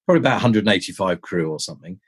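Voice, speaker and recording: Husky man telling stunt stories. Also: rapid-fire. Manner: animated, jumps pitch to act out quoted people. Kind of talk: casual anecdotal storytelling.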